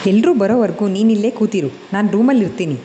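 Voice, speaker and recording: A woman's voice: medium pitch, fast, mellow, lightly acted. A woman voicing a playful, teasing young man about to be married, in a storybook reading.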